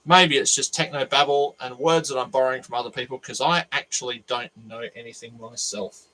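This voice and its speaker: Brisk and forceful, this livestream host's medium-pitched voice stays steady and bright as he thinks aloud from his home workshop, rambling and restarting. He's an Australian man with a nasal voice, recorded on a cheap USB mic with poor audio.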